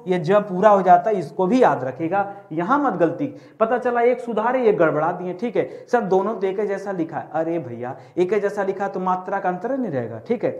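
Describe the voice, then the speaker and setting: High-voiced man teaching Hindi spelling. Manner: asks rhetorical questions, keeps saying "friends" and "okay"; repeats and drags out key words. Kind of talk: exam-prep spelling lesson.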